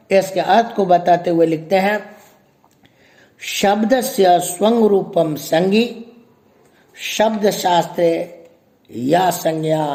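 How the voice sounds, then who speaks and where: A man, a grammar professor, giving a measured recorded lecture and reciting rules slowly. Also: on the high side, dark tone. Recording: echoey room.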